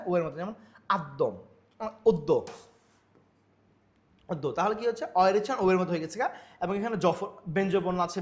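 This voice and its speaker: A male Bangla teacher lecturing on pronunciation rules, asking questions and answering them himself while repeating example words. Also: high-pitched.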